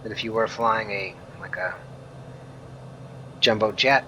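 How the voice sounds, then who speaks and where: A flight simulator streamer and reviewer rambles casually, thinking aloud as he plays. His voice is lowish and his pace measured. The lo-fi recording carries clear engine drone and noise.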